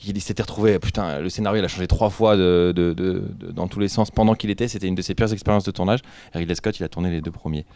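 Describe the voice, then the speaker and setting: A man's voice: deep voice, steady tone, quick pace, dark tone, no room sound. A man with a French accent from France, presenting in a casual, chatty style. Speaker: quiz presenter on a show. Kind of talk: casual chat.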